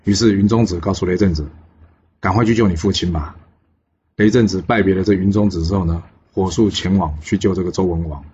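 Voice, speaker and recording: A man telling a legend as a storyteller, lively and full of pause fillers, in a lowish voice. The recording is dull and lo-fi. A faint hiss sits underneath. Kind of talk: storybook narration.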